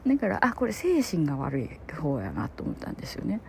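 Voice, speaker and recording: A woman with a Kansai accent, chatting through a personal story in an animated way, laughing often and dropping to soft murmurs. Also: low-pitched, fairly quick, creaky, slight background noise. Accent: Kansai Japanese. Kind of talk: casual personal storytelling monologue.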